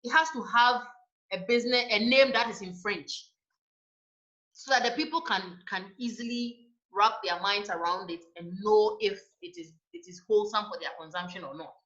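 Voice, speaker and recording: A woman lectures to a class in a clear, explanatory manner, often closing points with a quick "right?". Her voice is bright and forceful. The recording is dull and lo-fi, with a roomy echo from the lecture hall. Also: medium pitch. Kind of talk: university lecture. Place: lecture room. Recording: echoey room, dull lo-fi sound.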